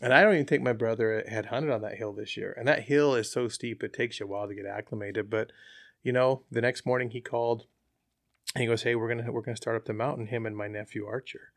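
A man telling a hunting story as an interview guest, relaxed and chatty with frequent fillers. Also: lowish voice, fairly quick, gravelly, no echo, clean studio sound. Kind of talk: casual storytelling.

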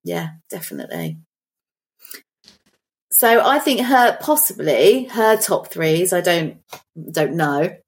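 A middle-aged woman, chatting on a podcast and telling stories while thinking aloud. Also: lowish voice. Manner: reflective, storytelling, thinks aloud. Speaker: podcast co-host. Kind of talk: casual chat.

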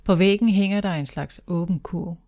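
Woman narrator for a children's story, calm and clear, mellow voice. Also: fairly low pitch.

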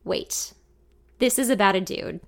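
A woman's voice: medium pitch, measured pace, gravelly. A woman reading the lines of a cynical, protective young man who is a close friend, blunt and teasing. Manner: blunt, teasing, then apologetic.

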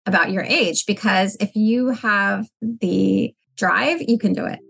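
Earnest woman guest talking thoughtfully, bit of vocal fry. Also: mid-range voice, unhurried, a bit bright. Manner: earnest, reflective. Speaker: guest, business founder. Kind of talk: interview answers.

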